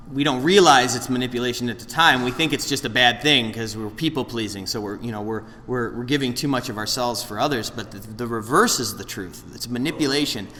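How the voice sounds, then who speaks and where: Late-30s man, bright forceful tone, rambling self-deprecating share, echoing meeting hall. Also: mid-range voice. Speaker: speaker sharing at a recovery meeting. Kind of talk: candid personal share. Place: meeting room with an audience. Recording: roomy hall, faint background noise.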